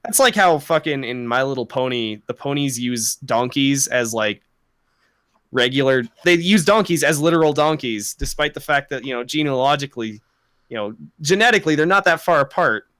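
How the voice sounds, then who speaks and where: A man's voice: mid-range voice, animated, moderate pace, a bit bright, no room sound. A young man co-hosting a podcast, chatting casually, rambling, swearing a lot and laughing often. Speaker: podcast co-host. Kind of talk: casual chat.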